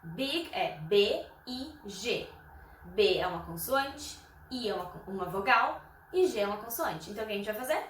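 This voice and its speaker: A woman teaches an English lesson at a medium pitch. She spells words out slowly and checks in with short tags after each point. She is recorded from a little way off the mic in an echoey indoor room with faint noise behind her. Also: lively intonation, distant mic. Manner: explains slowly, often checks in with "tá?" and "ok?". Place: indoor room, traffic heard outside. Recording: roomy sound from off the mic, faint background noise.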